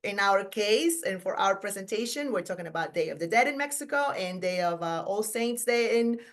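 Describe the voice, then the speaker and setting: A woman's voice: medium pitch, lively intonation, moderate pace. A middle-aged woman teacher giving a conference workshop talk, chatty and informal, checking in with "right?" and correcting herself mid-sentence. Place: conference room.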